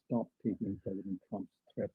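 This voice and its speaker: A man's voice: lowish voice, flat delivery, moderate pace, slightly rough, no room sound. An older man, a guest professor on a remote call, whose voice sounds muffled as if heard through a wall from a bad microphone. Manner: speaks briefly, checks whether he can be heard. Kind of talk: remote interview. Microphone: bad external mic on a video call.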